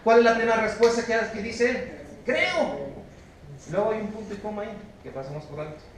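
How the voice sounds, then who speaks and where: A man with a Mexican Spanish accent preaching a sermon as pastor, emphatic, moving between loud exhortation and low, hushed stress while questioning his congregation. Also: lively intonation, quick pace, slight background noise. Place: church sanctuary. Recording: very echoey church recorded from a distance.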